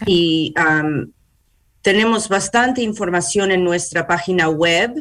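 A bilingual woman from New York, a hospital public relations manager, answers interview questions slowly and haltingly, searching for words in Spanish and slipping into English. Her voice is on the low side and a bit bright.

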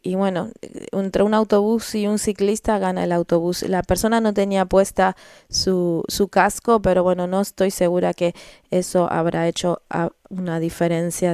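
A woman's voice: mid-range voice, a little mellow, clear, resonant tone, dry recording, clean studio sound. A woman hosting a community radio talk show, speaking with many fillers and restarts. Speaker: radio host.

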